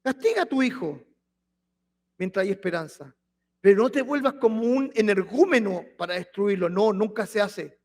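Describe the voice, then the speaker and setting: A man's voice: high voice, animated, normal speed. A male pastor preaching a sermon, reading scripture aloud with emphasis and throwing rhetorical questions at the congregation.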